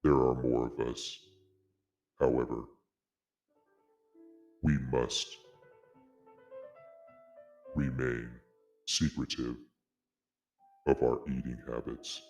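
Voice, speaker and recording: A vegan lion through a deep voice changer. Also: male voice, little pitch movement, a little mellow, faint music behind, heavily acted. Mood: secretive. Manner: slow, halting, solemn delivery. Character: secretive anonymous male vegan lion. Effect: voice changer pitching the voice very deep. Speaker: podcast guest.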